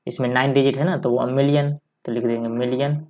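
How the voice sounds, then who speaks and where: A male maths teacher giving a step-by-step lesson, dictating slowly and repeating each number as he writes it. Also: medium pitch, steady tone, dark tone. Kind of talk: step-by-step lesson while writing on a board.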